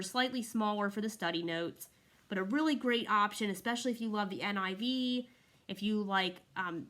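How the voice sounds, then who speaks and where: In a relaxed, chatty review, a woman leafs through the pages of a Bible, sounding friendly and slightly breathless. Her voice is medium in pitch, bright, and forceful in tone.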